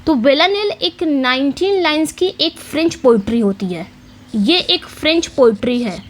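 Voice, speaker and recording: Woman teacher with a high voice, exam-prep lecture, quiz-style questions and repetition. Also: animated. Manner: explains in Hindi mixing English terms, repeats key points with quiz questions; reads English question text slowly. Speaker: English literature teacher.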